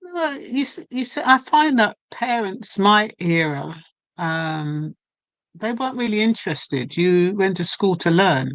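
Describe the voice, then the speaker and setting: An older woman talks in a measured, thoughtful way, telling her story as a guest. Her voice sits at a middle pitch and sounds close and dry, with little room around it. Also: lively intonation, no echo. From England. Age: 70s. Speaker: guest poet and author. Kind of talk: casual chat.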